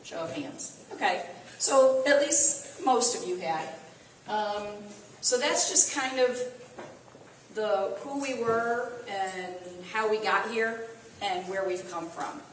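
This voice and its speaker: A woman's voice: mid-range voice, lively intonation, takes it slowly, a little hiss or hum. A woman with a Midwestern accent speaking casually to a small group, conversational, with fillers and self-corrections. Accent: Midwestern American. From American Midwest. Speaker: volunteer speaker. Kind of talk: casual talk to a small audience. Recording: echoey room from far off.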